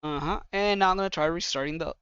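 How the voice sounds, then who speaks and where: A man's voice: a little high, quick pace, fairly bright tone, clear, resonant tone, highs cut off, faint music behind. Casual grumbling male streamer. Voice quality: offhand, grumbling. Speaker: gameplay streamer. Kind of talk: casual let's-play commentary.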